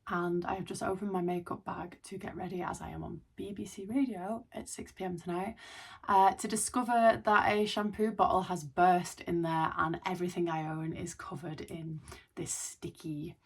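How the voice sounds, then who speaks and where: A woman's voice: on the low side, steady tone, moderate pace, creaky, husky. A hungover woman content creator chatting casually to camera, telling a personal story in an informal, rambling, self-deprecating way.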